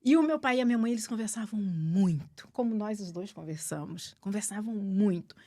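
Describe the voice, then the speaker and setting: A middle-aged woman with a Brazilian accent, a podcast guest who tells stories about her family in an animated way. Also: medium pitch, a little fast. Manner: animated storyteller, laughs often. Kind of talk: casual podcast conversation.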